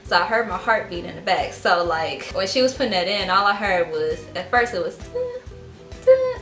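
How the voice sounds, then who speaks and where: A woman's voice: on the low side, a little fast, fairly bright tone, echoey room, soft background music. A young adult woman casually telling a personal story to her viewers, full of "like" and "um". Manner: chatty, lots of fillers like "like" and "um". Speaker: vlogger.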